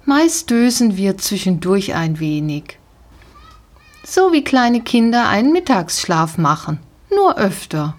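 A woman narrating a children's storybook in a calm, gentle, measured way. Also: medium pitch. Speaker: audiobook narrator. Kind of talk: scripted storybook narration, first person as a horse.

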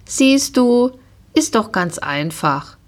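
A whiny, reluctant little girl, high and childlike, as a woman puts her on. It is a storybook reading, her lines complaining and squeaky. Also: big pitch swings, slow pace, heavily acted. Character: whiny, unwilling young girl.

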